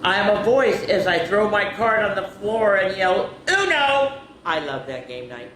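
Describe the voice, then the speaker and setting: A mid-range female voice reads aloud from a picture book for children, unhurried, bright and animated with emphatic delivery, pausing for asides and to clear her throat. The room is echoey, with faint background noise.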